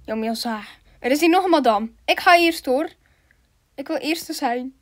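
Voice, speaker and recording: A woman's voice: high-pitched, animated, normal speed. A woman doing chatty, giggly commentary as she plays a video game, mixing in English slang. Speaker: gaming YouTuber.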